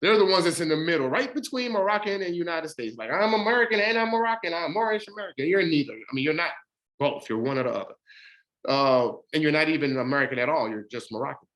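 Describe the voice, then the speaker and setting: A man with an expressive, slightly bright voice reads a court judgement aloud quickly, stumbling over words. He breaks off to explain it in his own terms, and his pitch rises and his pace picks up when he does.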